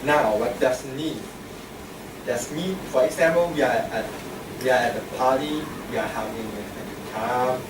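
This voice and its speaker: A man playing the grammarian role delivers a short, plain grammar lesson at a club meeting, repeating himself and walking through worked examples. His pitch is medium and his speed normal. The audio comes from a far-off mic in an echoey room, with air conditioning humming.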